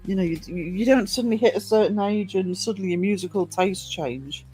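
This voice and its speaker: A woman's voice: medium pitch, brisk, warm tone, slightly rough, soft background music. A woman in her fifties chatting casually with viewers on a livestream, rambling and chuckling often. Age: 50s. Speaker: livestream host.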